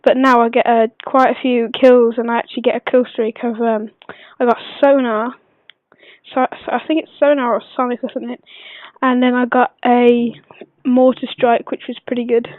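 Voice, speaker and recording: A woman who is unwell gives a casual gameplay tutorial voice-over, speaking quietly but clearly in a hesitant, rambling way. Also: fairly high pitch, flat delivery, moderate pace, no echo. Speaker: gaming video maker. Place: voice-over recorded at a computer. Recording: dull lo-fi computer recording, dry.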